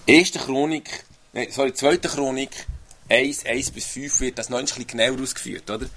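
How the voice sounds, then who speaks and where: A man's voice: mid-range voice, fairly bright tone, a little hiss or hum. A man giving an earnest sermon, reading Bible passages aloud and often adding tag questions. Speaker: preacher.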